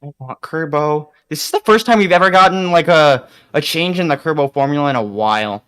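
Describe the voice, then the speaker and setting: A man co-hosting a livestream in casual chat, rambling and animated, full of likes and restarts. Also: on the high side, a little fast, smooth. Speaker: stream co-host.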